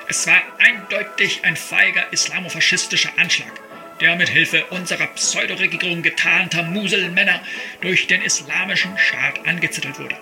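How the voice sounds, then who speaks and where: A man's voice: high-pitched, pushed and bright, exaggerated voice, low-quality recording. An actor playing a bombastic male nationalist agitator who declaims rhetorical questions to a rally in a satirical audio drama.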